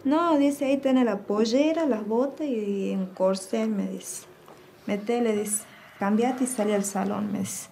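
A woman with an Argentine accent giving personal testimony, recounting events by quoting dialogue in a low, subdued way. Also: a little slow, vocal fry, dark tone, a little hiss or hum. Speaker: interviewee.

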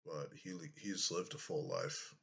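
A YouTuber in his thirties sits in a small room talking to his webcam for a relaxed vlog. He has a deep, slightly bright voice and a slow, considered delivery packed with fillers.

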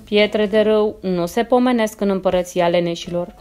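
A woman's voice: mid-range voice, dark tone, clean tone, faint music behind, natural voice. A woman voicing a sly, scheming female neighbor cat in a children's storybook. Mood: coaxing.

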